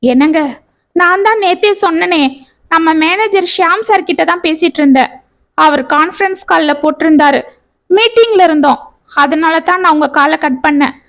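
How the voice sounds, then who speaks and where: A young wife pleads her innocence in a very high, tearful voice, voiced by a woman storyteller. She keeps her words earnest and desperate, begging to be heard. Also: normal speed, a bit bright. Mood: pleading.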